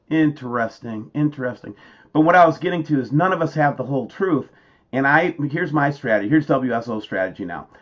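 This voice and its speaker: Chatty man host, dull lo-fi sound. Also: mid-range voice. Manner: loose and chatty, calls viewers man and guys. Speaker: channel host. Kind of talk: casual talk to viewers over pictures.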